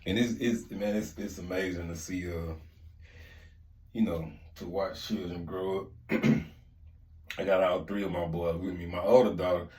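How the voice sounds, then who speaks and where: A man's voice: deep voice, steady tone, normal speed, darkish tone, low-quality recording. A middle-aged man, telling stories casually in rambling, repetitive, slangy talk. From Mississippi, United States. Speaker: vlog host and storyteller. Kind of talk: casual storytelling chat.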